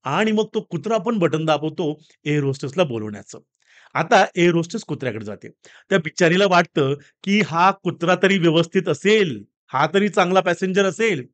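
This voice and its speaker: A man delivers a motivational talk built around a story, his voice high for a man and swinging widely in pitch. He speaks in an animated, direct way, addressing listeners as friends. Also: moderate pace.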